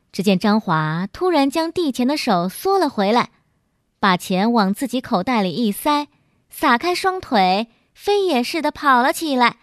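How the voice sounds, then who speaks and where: A woman telling a story in scripted narration, with lively, expressive delivery. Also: sits high, dry recording, studio quality.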